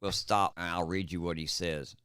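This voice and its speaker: A man co-hosting a political talk podcast. His voice sits on the low side and sounds smooth and resonant, recorded dry and close. He argues with emphatic, impassioned force. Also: steady tone, moderate pace, bright, forceful tone, no echo. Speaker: podcast co-host.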